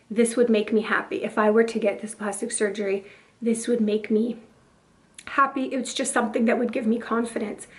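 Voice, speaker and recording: A woman vlogger talking earnestly and confidingly to camera, her voice hoarse and partly lost after a breathing tube. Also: a little high. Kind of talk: earnest personal talk to camera.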